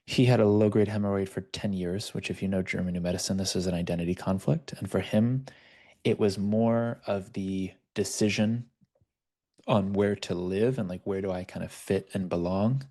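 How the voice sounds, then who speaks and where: A man with a lowish, gravelly voice leads an online workshop as a life coach. He talks loosely and conversationally, drifting into stories. He is heard through a video call microphone. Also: fairly even intonation, normal speed, warm tone. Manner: conversational, storytelling.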